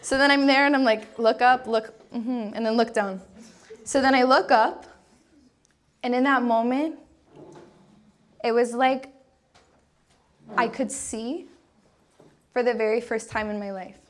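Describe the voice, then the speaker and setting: A young woman, a religious sister, telling her personal testimony in a lively, laughing storytelling way with lots of casual fillers. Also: on the high side, measured pace, long pauses, a little hiss or hum.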